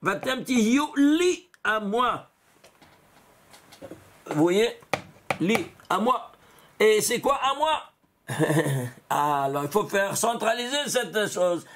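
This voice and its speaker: A rabbi with a very high voice for a man teaches a class on letters and numbers. He keeps asking "alors?" and "vous voyez?", then answers himself. His pace and pitch swing often, from slow, stressed words to quick bursts. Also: a little hiss or hum. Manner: animated, asks rhetorical questions and answers them himself; pitch and pace jump around a lot, now slow and stressed, now rushed. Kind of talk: Kabbalah lesson explaining diagrams and letter numbers.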